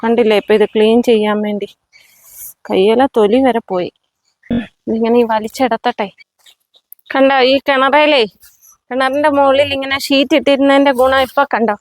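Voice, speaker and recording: A woman with a slightly raised voice talks casually to her viewers while doing yard work. She chats to them as friends as she pulls plants and clears the ground. The sound is from an outdoor home yard, picked up on a handheld camera. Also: fairly high pitch, flat delivery, moderate pace, pauses often, no room sound, poor audio. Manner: chatty, addresses viewers as friends. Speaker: vlogger. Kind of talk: casual chat while gardening.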